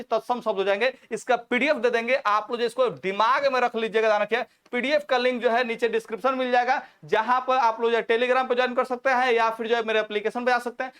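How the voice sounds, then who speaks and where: A man's voice: very high voice, a bit bright, clean tone. Man teaching, constant self-quizzing refrains. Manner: repetitive, keeps asking and answering his own questions; fills talk with "dhyan rakhiye" and "thik hai". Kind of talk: online class lecture.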